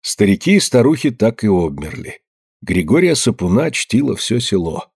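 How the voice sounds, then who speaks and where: A man narrating an audiobook in a measured storytelling voice. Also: lowish voice, big pitch swings, vocal fry, a little mellow, breathy edge, dry recording, clean studio sound.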